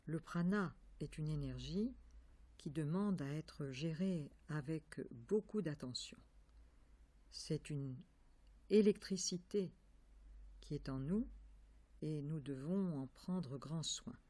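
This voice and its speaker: A low-voiced woman instructor guides a yoga nidra relaxation, staying calm and measured as she gives instructions in short, separate phrases.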